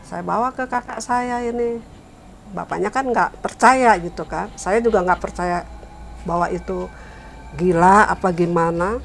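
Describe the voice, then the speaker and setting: A woman's voice: measured pace, creaky, slight background noise. Middle-aged woman telling a story. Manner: quotes others with raised pitch, trails off softly. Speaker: guest telling her story. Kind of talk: casual spoken storytelling.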